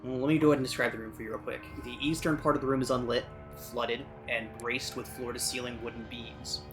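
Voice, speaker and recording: A man's voice: medium pitch, flat delivery, quick pace. A man acting as game master, narrating a tabletop game and asking players for checks. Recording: music playing behind. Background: background music.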